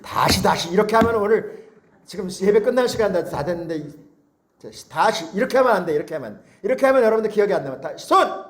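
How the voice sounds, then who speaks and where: A male pastor delivers a lively Sunday sermon, his voice sitting a little high and swinging widely up and down. He keeps pulling the congregation in with questions and repeated calls, preaching with animated energy. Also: fast.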